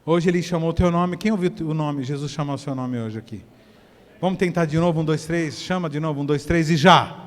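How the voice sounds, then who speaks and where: A Brazilian man preaching a sermon at a church service, swinging from hushed to loud as he directs the congregation. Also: fairly high pitch, fairly quick, big-room sound, a little hiss or hum. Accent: Brazilian Portuguese. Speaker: pastor.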